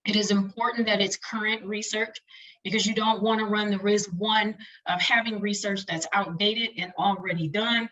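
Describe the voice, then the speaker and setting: A woman presenting a webinar to doctoral students, talking quickly in a chatty, friendly lecturing way over a computer mic. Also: medium pitch, a bit bright, rough recording.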